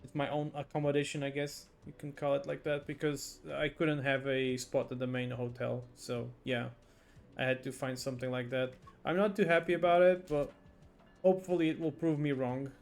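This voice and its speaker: A man's voice: mid-range voice, level tone, moderate pace, faint music behind. A man streaming a game live, chatting casually and reacting aloud as he plays and reads chat.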